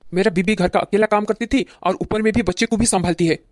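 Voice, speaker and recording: A woman's voice: mid-range voice, steady tone, fast talker, darkish tone, dry recording, clean studio sound, close to an everyday voice. A woman playing an irritated brother who bluntly scolds his mother and sister, in a comedy skit.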